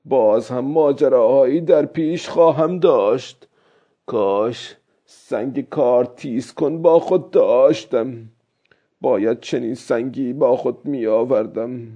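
A man's voice: mid-range voice, warm tone, close to an everyday voice. A man voicing a weary old fisherman who talks to himself in a raised, strained, plaintive voice. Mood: self-chiding. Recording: dull lo-fi recording.

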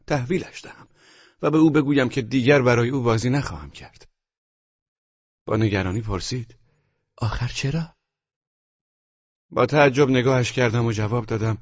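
A man narrating a novel in a measured, even storytelling voice. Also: medium pitch, no echo. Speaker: audiobook narrator. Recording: dull lo-fi audiobook recording.

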